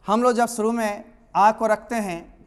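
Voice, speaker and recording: A man teaching a spoken English lesson online, energetic and emphatic as he drills pronunciation out loud. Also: high-pitched, unhurried, clean tone, big-room sound.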